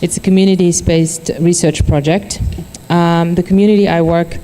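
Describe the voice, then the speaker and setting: A woman with a low, mellow voice presents a research project to a conference audience. She talks haltingly, with frequent ums, uhs and restarts, and there is a faint hum of room ambience behind her. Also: fairly even intonation. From grew up in Germany. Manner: hesitant, with many fillers and restarts. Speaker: conference panel speaker.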